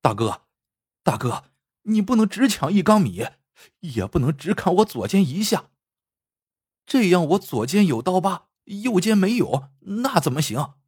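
A man's voice: sits high, big pitch swings, measured pace, a little mellow, slightly rough, dry recording, studio quality, voice pushed up, heavily acted. A man voicing a timid but oddly stubborn poor villager in a spoken story, pleading in a whining tone.

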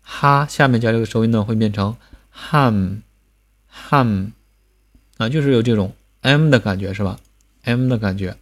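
Low-voiced male language teacher. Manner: patient, drills sounds slowly with repetition. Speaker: Korean pronunciation teacher. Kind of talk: recorded language lesson.

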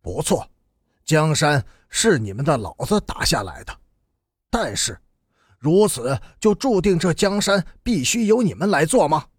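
A man's voice: on the high side, very animated, unhurried, husky, dry recording, studio quality, heavily acted. A man voicing a bitter, cynical young brawler who sneers defiantly. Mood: sneering.

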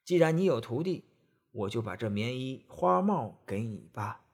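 A man voicing a kindly old woman, a goddess in disguise, in a storybook tale, speaking slowly and softly. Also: medium pitch, animated, gravelly, slightly rough. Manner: slow, soft and coaxing.

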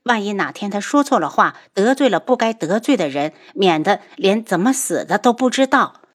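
A young princess gives orders in a cool, clipped, commanding tone, as a woman narrator plays her. The delivery stays lively in pitch yet controlled. Audiobook drama. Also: moderate pace, close to an everyday voice. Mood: cold. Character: cold, commanding young princess, calm and cutting.

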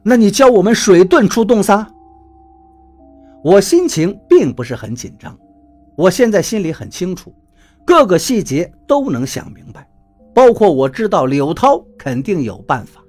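A man reading a first-person story aloud in an expressive way, moving between tense and wry. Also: sits high. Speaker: audiobook narrator. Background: faint music.

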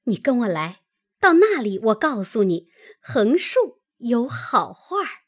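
A scheming, fawning sister-in-law with a breathy, lilting voice that coaxes and wheedles, as a woman reader puts her on. She talks sweetly and persistently, pressing her favor in a storybook reading. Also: on the high side, big pitch swings, unhurried, exaggerated voice. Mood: coaxing. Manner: coaxing and wheedling.

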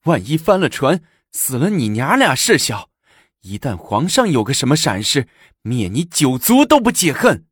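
A man's voice: mid-range voice, very animated, slightly rough, no echo, studio quality, pitched above the performer's own voice. A man voicing a haughty, scheming young empress who sneers and commands punishments. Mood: furious. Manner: sneering, drawn-out mocking lines.

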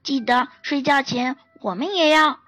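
High-voiced woman reading a storybook. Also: soft background music. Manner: slow, animated storytelling with many interjections. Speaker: early childhood teacher. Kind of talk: reading a picture book to young children.

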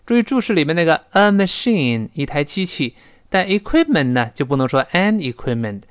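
Male teacher from China, lively lesson delivery, slightly high voice, dry close mic. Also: clean tone, no room sound. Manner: lively explaining, demonstrating sounds slowly and loudly. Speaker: English teacher. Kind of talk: recorded language lesson.

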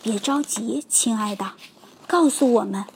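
A woman voicing a gentle, calm mother bear who speaks softly in a storybook. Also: fairly high pitch, measured pace, creaky, slight background noise, voice pushed down. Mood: soothing. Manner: soft, soothing.

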